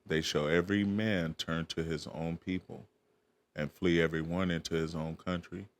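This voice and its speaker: Low-pitched and level, at a moderate pace, a preacher reads old-fashioned scripture verses to his audience. Now and then he stops for a brief aside to his listeners, ending it with "all right?".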